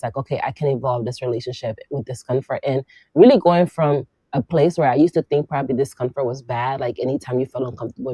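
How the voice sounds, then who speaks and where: A woman hosting a casual conversation, reflective and lively, laughing often. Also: rumbling low, dry recording. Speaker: podcast host and coach.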